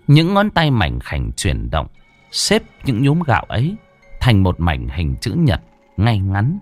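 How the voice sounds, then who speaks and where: A man narrating a horror story with a dramatic, expressive reading. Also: lowish voice, slow pace, soft background music.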